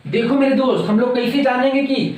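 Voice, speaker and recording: A man's voice: very high-pitched, a little fast, darkish tone. Male teacher going over exam grammar, keeps repeating stuff, roomy echo, sounds far from the mic. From India. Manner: repeats words, urges viewers to note it down. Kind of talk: exam-prep grammar lesson. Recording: echoey room, voice off-mic.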